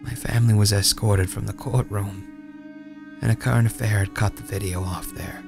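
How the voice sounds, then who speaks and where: A man narrates a dark first-person tale in a low voice with a crackly, gravelly edge. His delivery is brooding and hushed, halting for dramatic pauses. Music plays clearly underneath. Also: fairly even intonation. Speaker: narrator reading a horror short story. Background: background music.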